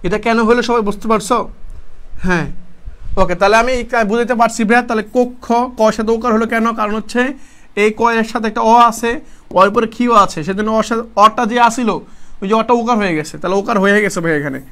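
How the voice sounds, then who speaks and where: A man's voice: high-pitched, quick pace, a bit bright. A young man from Chittagong gives an exam-prep lesson. He explains step by step, asks questions and answers them himself, and calls his students brother. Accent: Chittagong Bangla. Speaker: teacher.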